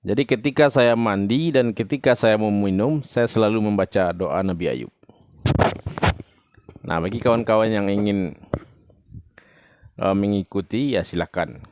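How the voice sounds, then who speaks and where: A man's voice: lowish voice, measured pace, pauses often, darkish tone, a little hiss or hum. A man from West Sumatra giving an informal religious talk to camera. He explains plainly and unhurriedly, sometimes searching for words. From West Sumatra, Indonesia. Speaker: religious video teacher.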